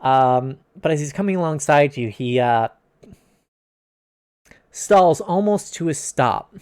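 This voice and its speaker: A game master narrating an online tabletop game, calling for rolls between frequent fillers. The voice sits at a middle pitch and comes over a home mic on a call. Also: expressive, takes it slowly, darkish tone, smooth.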